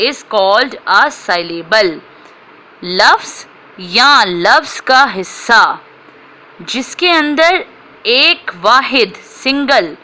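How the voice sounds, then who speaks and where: Slow, bright-voiced woman teacher. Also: mid-range voice, poor audio. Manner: slow, deliberate English, quicker in Urdu explanations; repeats and stresses example words. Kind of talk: explaining a language lesson.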